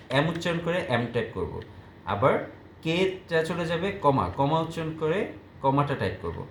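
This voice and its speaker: Guy explaining typing slowly, calls out letters one by one, roomy echo, bit of background hum. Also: medium pitch. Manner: calls out each key letter as he types; explains step by step to parents of students. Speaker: teacher. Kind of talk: typing tutorial. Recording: echoey room, faint ambience.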